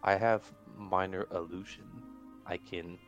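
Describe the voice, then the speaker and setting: A man with a fairly low voice takes part in a tabletop game. He chats casually, proposing moves and asking questions, with soft music in the background. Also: steady tone, unhurried, lo-fi sound.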